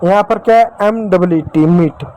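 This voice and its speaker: A man's voice: high voice, normal speed, a little mellow, low-quality recording. A man teaching English spelling and phonics in Hindi, asking questions and answering them himself, repeating each step and calling his viewers dear children.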